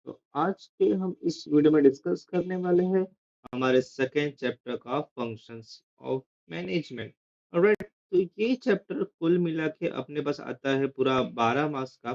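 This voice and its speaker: A man's voice: a little high, creaky, darkish tone, highs cut off. A male teacher giving a casual exam-prep lesson, chatty and often checking in with "theek hai".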